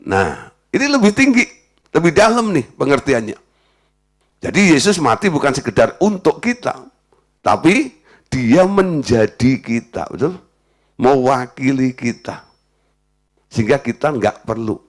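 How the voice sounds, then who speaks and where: Lively man preaching. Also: mid-range voice, unhurried, pauses often. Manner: animated preaching, acts out quoted dialogue. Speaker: pastor. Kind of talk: sermon.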